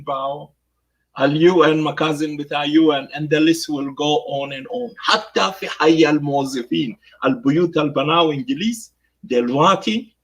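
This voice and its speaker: A man's voice: a little high, poor audio. South Sudanese man giving commentary. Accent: South Sudanese Arabic. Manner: mixes Arabic with English phrases; hesitant, many fillers. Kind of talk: political commentary.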